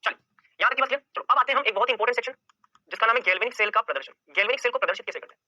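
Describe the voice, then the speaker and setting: A man teaches chemistry at breakneck speed, throwing out questions and answering them himself. His voice is high, bright and forceful. The sound is dry and close, but a little dull and muffled. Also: very fast, no echo. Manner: repeats key points over and over. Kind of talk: exam-prep lecture.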